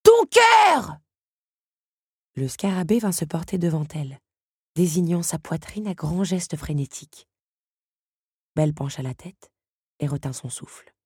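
A woman narrating an audiobook chapter with expressive, dramatic storytelling. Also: low-pitched, moderate pace, slightly rough, no room sound, clean studio sound.

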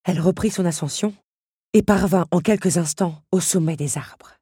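A woman reading a storybook aloud with a low, mellow, husky voice. The sound is dry and close, and her narration is dramatic and varied. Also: no echo. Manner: dramatic, varied, quickening in action.

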